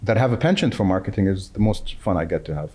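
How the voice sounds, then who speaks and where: Interview guest: middle-aged man from the UAE, low-ish register, thoughtful and candid delivery. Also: lively intonation, darkish tone, slightly rough. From UAE (Dubai). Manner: thoughtful, earnest, measured with fillers. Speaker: guest, chief marketing officer.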